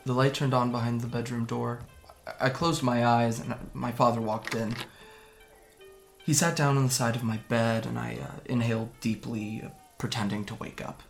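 An actor playing a guarded young man from Japan, quietly recounting how he fled home in an audio drama. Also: mid-range voice, little pitch movement, soft background music, natural voice. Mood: somber. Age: young adult. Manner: soft, hesitant storytelling with halting restarts. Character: young man, guarded and wry, recalling his escape. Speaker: interviewee.

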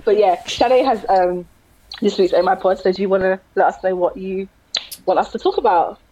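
A woman's voice: mid-range voice, moderate pace, mellow, highs cut off. A woman in her late twenties with a South London accent, chatting casually as a podcast co-host. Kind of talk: casual chat. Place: remote virtual recording. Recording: clear background noise on virtual call.

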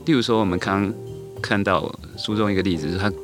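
A man's voice: lowish voice, quick pace, music in the background. A middle-aged man, a teacher guest on a podcast, tells a story unhurriedly, with many hesitant fillers and restarts. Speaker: guest, elementary school teacher.

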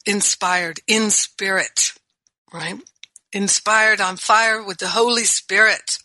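An exuberant woman hosts a spiritual radio talk show, laughing often as she gushes about her subject. Her voice is bright and forward. The sound is dry and close, with no room around it. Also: medium pitch, fairly even intonation, takes it slowly, no echo, poor audio.

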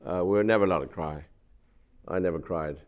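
Older guy on a panel, low voice, blunt, kinda muffled sound. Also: brisk. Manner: blunt, matter-of-fact. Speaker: panel guest. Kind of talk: panel discussion.

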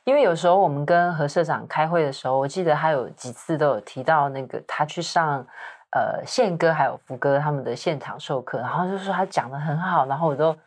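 A woman, a magazine editor hosting an interview, attentive and quick to affirm. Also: low voice.

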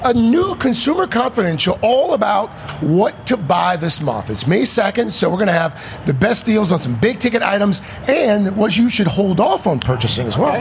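Man co-host, high gravelly voice, lively, outdoor plaza. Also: normal speed, slight background noise. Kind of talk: live outdoor morning show segment.

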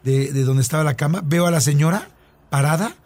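A man's voice: on the high side, brisk, a little mellow, dry recording. A man with a Mexican accent telling a long story in casual chat, with many fillers and repeats.

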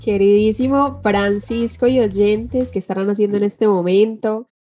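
A woman's voice: mid-range voice, steady tone, a little slow, dark tone, soft background music. A woman with a Colombian accent, hosting a podcast interview in a casual, playful way. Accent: Colombian Spanish. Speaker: podcast host.

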